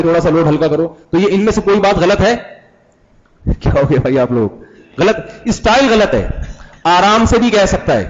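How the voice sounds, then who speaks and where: A man preaching a sermon, chatty, putting questions to the audience and acting out examples. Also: a little high. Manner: conversational, asks the audience questions, acts out examples. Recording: dull lo-fi old audio.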